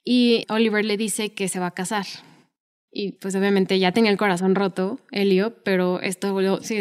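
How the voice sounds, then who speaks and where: A woman's voice: medium pitch, clear, resonant tone. A woman co-hosting a podcast, chatting casually and retelling film scenes with many fillers. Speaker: podcast co-host.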